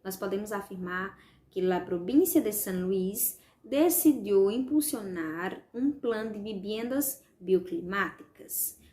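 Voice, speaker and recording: A Brazilian woman teaching Spanish in a recorded class, explaining step by step, slowly repeating words and checking in with her students. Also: mid-range voice, lively intonation, warm tone, reverberant. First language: Portuguese. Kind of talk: recorded online class, correcting exercises.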